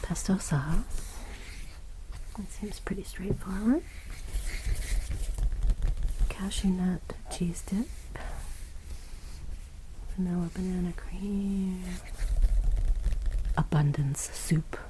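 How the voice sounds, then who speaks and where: A woman speaking in a hushed, soft-spoken ASMR whisper, murmuring commentary as she reads items aloud. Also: medium pitch, fairly even intonation, takes it slowly, long pauses. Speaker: ASMR video host. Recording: close recording with clear background noise.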